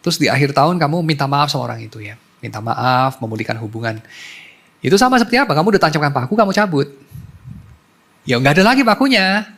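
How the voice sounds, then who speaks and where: Gravelly-voiced male pastor preaching. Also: on the high side, animated, fast, fairly bright tone. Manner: conversational preaching with storytelling; mixes in English terms. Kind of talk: sermon.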